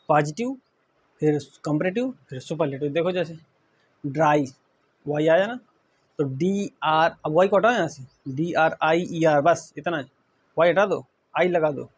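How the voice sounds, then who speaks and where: A man's voice: on the high side, husky. Hindi-speaking man spelling out grammar. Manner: spells words letter by letter, checks students often. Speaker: English grammar teacher. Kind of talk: classroom lecture.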